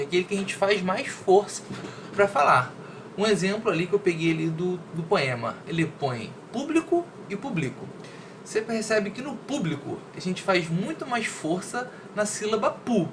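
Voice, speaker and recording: A man's voice: high-pitched, fairly bright tone, slight background noise. A man reading a poem aloud and then explaining a grammar lesson in a conversational way, often checking that the listener follows. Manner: conversational, checks understanding with "né?" and "entendeu?". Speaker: teacher.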